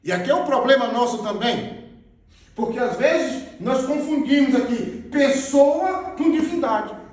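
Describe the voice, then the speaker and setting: A high-pitched Brazilian Portuguese man preaches a teaching sermon with Bible readings, animated yet unhurried, with a darkish tone. He is emphatic, repeats phrases, and points at a drawn diagram. He is recorded far from the mic in a very echoey hall.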